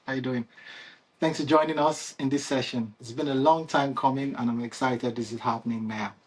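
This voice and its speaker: Brisk and husky, this Nigerian-accented CEO keeps his medium-pitched voice fairly even as he answers customers in a casual company Q&A. His talk is unscripted and full of fillers and restarts, broken up by frequent chuckles.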